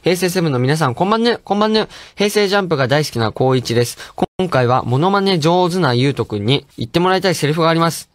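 A man's voice: fairly high pitch, expressive, quick pace, hardly any pauses, dry recording. Playful chatty male radio host. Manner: playful, chatty, laughs often. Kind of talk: casual radio talk reading listener mail.

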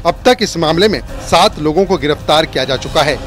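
A man reading a scripted news report as a voice-over in a steady, formal manner. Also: fairly high pitch, brisk, noisy background.

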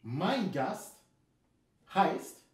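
A hyped, slangy man in his thirties hosts a cooking vlog, cracking jokes. His voice sits a bit high and is picked up from across a roomy kitchen. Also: sing-song, extremely slow. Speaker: cooking show host. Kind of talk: casual cooking vlog banter. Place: home kitchen studio, indoors. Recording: roomy and distant.

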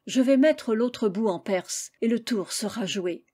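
A woman reading the lines of a smooth-talking, courteous male swindler in a storybook. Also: high voice, a little slow, a little mellow. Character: gallant swindling male customer.

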